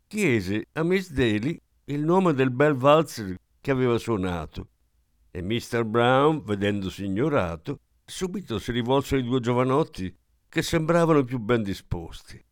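A man narrating a literary story in a measured, expressive reading. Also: mid-range voice, dry recording, clean studio sound. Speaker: audiobook narrator.

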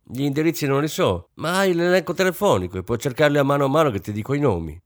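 A man doing a gruff businessman husband. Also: fairly high pitch, expressive, fast talker, no echo, studio quality, voice pushed up, natural voice. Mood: offhand. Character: blunt self-satisfied middle-aged businessman husband. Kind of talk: audiobook character voice.

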